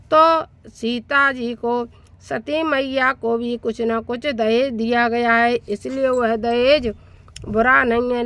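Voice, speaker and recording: Woman, devotional reciter, high voice, gravelly edge, sung verses with spoken commentary, unhurried. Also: a bit bright, dry recording. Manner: chants verses slowly, then explains in brisk plain speech; gives moral advice to families.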